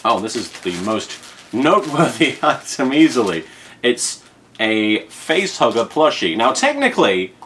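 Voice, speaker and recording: This unboxing host, a British man in his thirties filming in his apartment, has a medium-pitched, slightly bright voice with big pitch swings and an unhurried pace. He rambles in a mock-serious, playful manner with emphatic repetition over clear background room noise.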